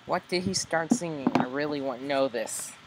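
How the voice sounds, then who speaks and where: A man hosting a video, casually commenting with many hesitant ums as he tries out story software. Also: mid-range voice, normal speed, noisy background.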